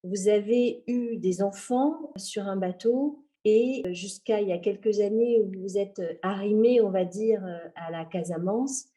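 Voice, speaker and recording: A woman hosts an educational podcast with a mellow, warm tone. She asks her guest polite, formally phrased questions with occasional fillers. Her pitch sits in a middle range. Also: unhurried, hardly any pauses. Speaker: podcast host. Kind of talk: interview podcast.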